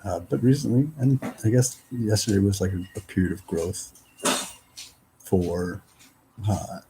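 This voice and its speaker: A man's voice: sits low, unhurried, mellow, slight background noise, low-quality recording. A man talking in a loose, meandering casual monologue, full of fillers and little quoted exchanges.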